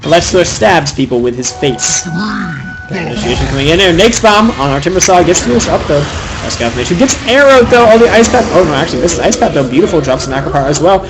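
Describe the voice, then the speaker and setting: A young man giving fast, opinionated solo commentary on a video game match, critiquing the players' item choices. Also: fairly high pitch, big pitch swings, music in the background, low-quality recording. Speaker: game caster.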